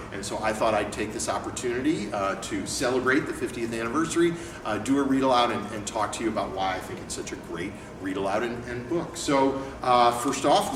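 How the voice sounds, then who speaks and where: A man with a lowish voice, an educator and book company owner, reads a picture book aloud and talks informally about teaching. He is recorded in an echoey room with a distant mic and clear background noise.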